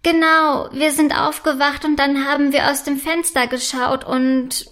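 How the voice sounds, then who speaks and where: A woman voicing a lively, curious young girl princess with a chirpy, girlish voice. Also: high-pitched, a little slow. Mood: hushed.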